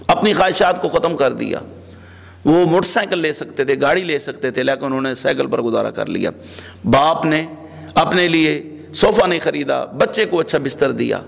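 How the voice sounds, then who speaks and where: A man's voice: on the high side, vocal fry. A man preaching a sermon as a religious scholar, pleading in repeated, emotional phrases. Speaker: Islamic preacher. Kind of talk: Urdu sermon. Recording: long hall reverb.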